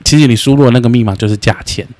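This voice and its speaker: A man's voice: mid-range voice, very fast, a little mellow. A man tells a story in casual podcast chat and acts out the quoted voices. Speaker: podcast host.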